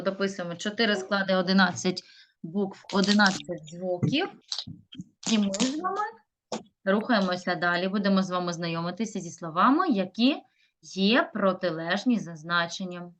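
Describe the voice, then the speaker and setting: A woman's voice: medium pitch, lively intonation, normal speed, pushed and bright. A woman teaching a classroom lesson, stretching out words as she dictates and coaxing pupils with questions. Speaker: primary school teacher.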